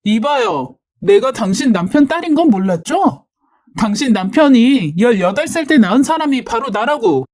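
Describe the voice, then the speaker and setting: A woman voicing a shrill, furious young woman. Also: animated, normal speed, lightly acted. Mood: bitter. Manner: yelling, accusing. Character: hot-tempered young woman, rude and shouting.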